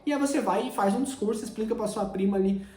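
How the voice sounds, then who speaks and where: A man's voice: high-pitched, quick pace, mellow. Young man coaching, roomy echo. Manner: direct, addresses the listener constantly. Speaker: sales coach. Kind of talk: instructional talk.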